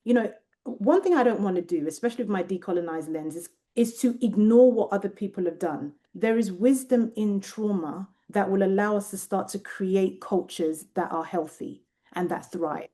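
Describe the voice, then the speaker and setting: In a reflective interview conversation, a guest researcher of Nigerian and British background speaks with a British accent in a warm, mid-range voice. She thinks carefully, searching for words and frequently restarting her sentences.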